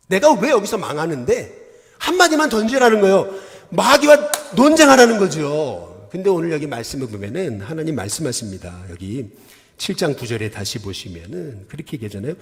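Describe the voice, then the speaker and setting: A man, a senior pastor, preaching a sermon in a church and asking his congregation questions. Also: sits high. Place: church sanctuary. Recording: long church hall reverb.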